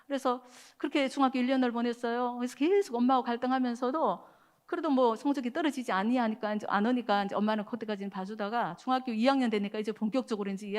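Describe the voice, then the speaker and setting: A woman's voice: a little high, darkish tone. A woman preaching to a church prayer meeting, telling a story in a conversational way with many small fillers and speaking straight to the congregation. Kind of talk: sermon with storytelling.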